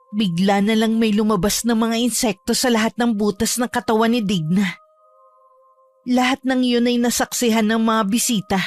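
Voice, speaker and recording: A woman's voice: a little high, darkish tone. Woman narrating a horror story.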